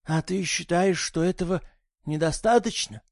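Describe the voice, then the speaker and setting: A man voicing a weary, pious old father with a dry voice, quiet and reproachful. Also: high voice, moderate pace, gravelly, dry recording, voice pushed up. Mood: calm.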